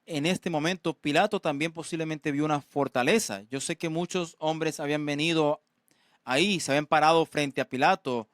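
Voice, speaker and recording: A man's voice: on the high side, a bit bright, dry recording, studio quality. A man preaching a sermon as pastor, earnest and often checking in with his listeners. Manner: earnest, asks "¿verdad?" often, halting restarts.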